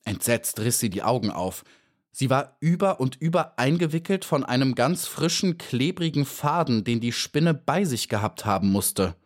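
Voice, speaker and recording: A man narrating an audiobook of a children's story in a calm, measured storytelling manner. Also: medium pitch.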